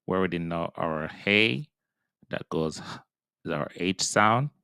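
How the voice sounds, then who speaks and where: A man's voice: low voice, animated, slow pace, vocal fry, pushed and bright, clear, resonant tone, dry recording, studio quality. A man teaching Hebrew reading in a patient, step-by-step pronunciation lesson, sounding out syllables and repeating them.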